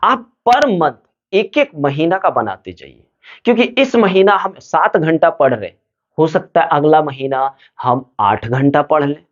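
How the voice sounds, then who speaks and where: A man's voice: high-pitched, dull audio. A man giving motivational study advice to students, asking questions and answering them himself.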